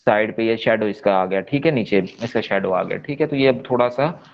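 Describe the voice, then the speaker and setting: A man's voice: fairly low pitch, fairly quick, muffled recording, slight background noise. A man giving a step-by-step screen-share coding lesson, checking in often with his listeners. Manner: explains step by step, checks in often with "theek hai?". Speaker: programming instructor.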